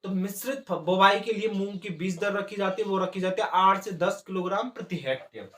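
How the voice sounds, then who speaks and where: High-voiced man teaching in an echoey room. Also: a bit bright. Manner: repeats key terms slowly for note-taking. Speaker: agriculture exam teacher. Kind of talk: classroom lecture dictating notes.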